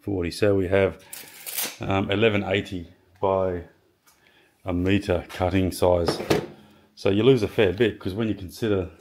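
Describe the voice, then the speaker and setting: A man casually walking through his workshop build, halting often with ums and restarts as he measures and explains. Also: sits low, fairly even intonation, darkish tone, a little hiss or hum. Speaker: home builder showing his project. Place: home garage workshop.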